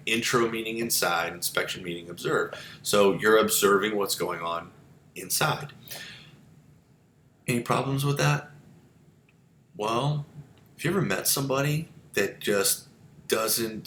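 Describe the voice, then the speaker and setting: A male psychology instructor giving a chatty, digressive lecture full of asides and fillers. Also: bright, forceful tone. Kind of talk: informal recorded lecture. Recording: echoey room with low rumble.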